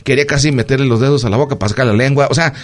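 A man's voice: medium pitch, rapid-fire. A man with a Mexican accent, a doctor hosting a casual radio chat, telling stories with lots of fillers. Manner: storytelling, animated, lots of fillers.

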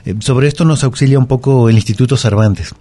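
A man appearing as a language guest on the radio, calmly explaining grammar rules step by step with examples. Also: medium pitch, brisk.

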